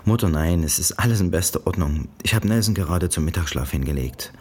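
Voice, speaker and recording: A man's voice: sits low, animated, brisk, darkish tone, breathy edge. A man voicing a weary young wife who pleads with her mother not to come over. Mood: pleading. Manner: tired, pleading.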